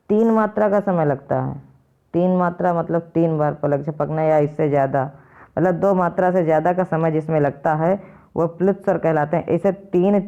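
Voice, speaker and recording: A man teaching a lesson, patiently repeating and slowly spelling out each sound. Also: fairly high pitch, warm tone, clean tone. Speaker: Sanskrit teacher. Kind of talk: explanatory lesson to viewers. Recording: dull lo-fi recording.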